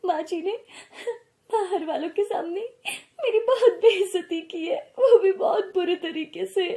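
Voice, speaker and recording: A young new bride, voiced by a woman in an animated storybook, plaintive and tearful yet scheming underneath. Her voice is extremely high and thin, almost childlike. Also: unhurried.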